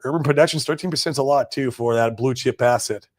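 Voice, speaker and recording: Male streamer in his forties, casual and slangy, mid-pitched, unhurried chat. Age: 40s. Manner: laid-back, slangy, trailing off with "man" and "dude". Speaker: livestream host. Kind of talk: casual livestream chat reading viewer comments. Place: home in Puerto Rico.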